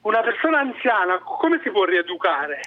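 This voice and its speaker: A man's voice: high voice, big pitch swings, normal speed, phone-quality sound. A man who works as a DJ, interviewed on the radio over the phone. He speaks earnestly and keeps restarting his sentences. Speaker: radio guest, DJ.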